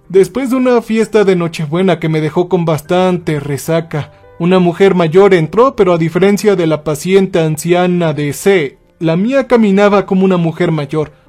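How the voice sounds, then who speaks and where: A man with a high voice narrates a scripted horror story over faint music. He slows down for dramatic pauses. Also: darkish tone.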